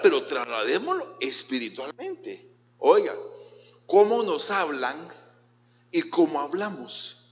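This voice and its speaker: A man's voice: high voice, a bit bright. A man with a Guatemalan accent preaching a sermon as pastor, questioning his congregation directly and mixing in jokes. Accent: Guatemalan Spanish. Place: church hall. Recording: echoey church hall, dull lo-fi sound.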